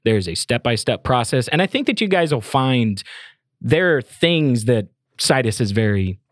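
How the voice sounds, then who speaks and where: A man's voice: medium pitch, big pitch swings, normal speed, dry recording. A man with a mid-range voice chats casually as a player in a tabletop game, laughing easily between his points. The sound is dry and close. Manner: chatty, laughs often. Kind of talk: casual chat.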